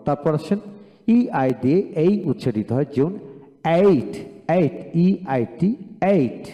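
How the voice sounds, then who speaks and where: A man runs a slow pronunciation drill in a reverberant hall, saying each word twice in a slightly high, mellow voice. He pauses now and then to spell out a word and explain its sound. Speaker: English pronunciation teacher.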